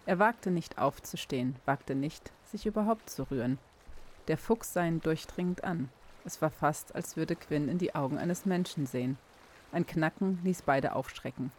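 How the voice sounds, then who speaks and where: A woman reading a fantasy audiobook chapter aloud in a calm, steady storytelling manner. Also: sits low, moderate pace, slight background noise. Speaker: audiobook reader. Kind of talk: scripted narration.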